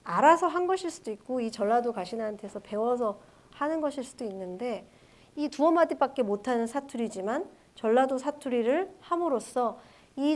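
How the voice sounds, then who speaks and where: Woman lecturing on a poem, fairly high voice. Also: a little mellow. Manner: explains poem line by line, asks rhetorical questions; reads quoted verse lines aloud. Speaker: university lecturer. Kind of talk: online literature lecture.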